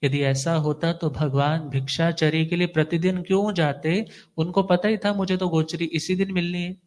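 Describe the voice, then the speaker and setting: A man's voice: on the high side, steady tone, normal speed, darkish tone. A man, a monk, giving a devotional discourse in a teacherly way, posing questions and answering them himself. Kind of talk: devotional sermon.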